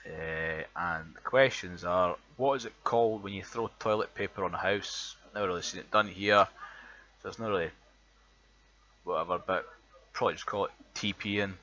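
Scottish man with an Edinburgh accent, lowish bright voice, chatty vlogger who swears freely, muffled home recording. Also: moderate pace. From Scotland. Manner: chatty, swears freely, reads a word list. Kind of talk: casual accent tag vlog.

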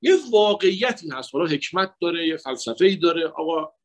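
At a religious mourning night, a guest lecturer delivers a lively, emotional talk that mixes psychology and sermon, shifting between raised, emphatic phrases and hushed asides. His voice is a little high.

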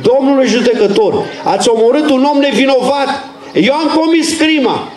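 A man's voice: very high-pitched, a little mellow, reverberant, pitched above the performer's own voice. A man voicing a frantic young man who pleads with his brother to save him. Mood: horrified. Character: panicked young man, a twin, begging for rescue.

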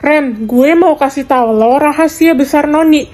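A woman's voice: sits high, moderate pace, darkish tone, natural voice. A woman playing a greedy, mercenary teenage best friend who bargains in casual slang. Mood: sly.

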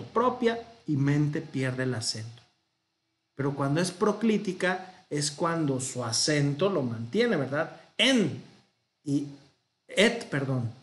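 A man with a Mexican Spanish accent talks slowly through a grammar lesson, pausing to think aloud and correct himself. His voice sits fairly high for a man. The room gives it a noticeable echo. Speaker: Hebrew teacher. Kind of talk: slow classroom explanation.

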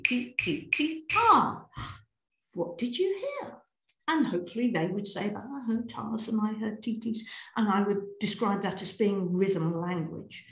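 A British woman leading a piano teachers' webinar, lively and encouraging, singing and chanting rhythms as she demonstrates. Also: a little high, roomy sound.

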